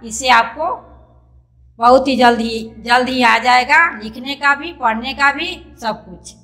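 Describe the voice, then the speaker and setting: A woman's voice: fairly high pitch, fairly even intonation, unhurried, pushed and bright. A woman teacher giving an online lesson to young children. She is patient and repeats herself often, spelling out words letter by letter. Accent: Indian, Hindi. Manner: patient and repetitive, calls pupils "beta", spells words out letter by letter. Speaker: primary school teacher.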